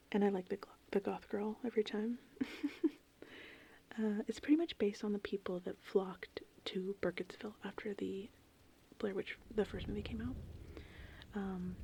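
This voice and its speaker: An ASMR host, a woman with a mid-range voice, rambles casually and informally in a soft, breathy tone that often drops to a whisper. Gentle rain and thunderstorm ambience plays steadily in the background, with slight background noise.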